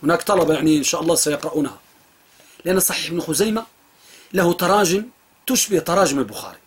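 Husky man drilling a classroom lesson. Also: a little high, expressive, very fast. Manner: repeats phrases and quizzes students. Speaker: Islamic jurisprudence teacher.

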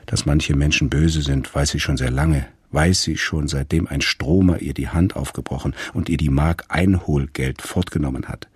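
Deep, gravelly male story narrator. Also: dry recording, studio quality. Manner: calm, measured storytelling. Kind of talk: radio story reading.

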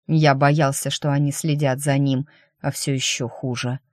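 A narrator reading the lines of a calm, persuasive young man in an audiobook, low and earnest. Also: a little slow, no room sound, studio quality, natural voice. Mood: thoughtful.

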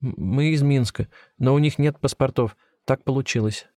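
Audiobook role: flustered young priest, quiet, stammers; male reader voices him. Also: mid-range voice, normal speed, no echo, studio quality, voice pushed up, natural voice. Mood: timid.

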